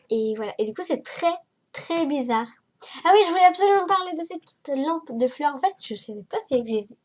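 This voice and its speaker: A fairly high-voiced woman talks over her game in a loose, rambling way, her voice hoarse and stuffed-up from a cold. She hesitates often and pokes fun at herself as she goes. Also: a little mellow. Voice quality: nasal. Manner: rambling and hesitant, self-mocking. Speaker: Sims building YouTuber. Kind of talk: casual gameplay voice-over.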